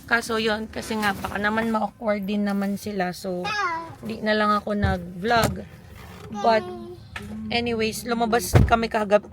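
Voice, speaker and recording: Isang babaeng vlogger na paos ang boses dahil sa sipon, may Filipino accent, madaldal na nakikipagkwentuhan sa mga manonood habang naghahalo ng Tagalog at English. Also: female voice, medium pitch. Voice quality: husky. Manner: chatty, switching between Tagalog and English, addressing viewers as moms. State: hoarse from a cold. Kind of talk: casual vlog chat. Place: outdoors and in a car around town. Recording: noisy outdoor phone vlog with traffic.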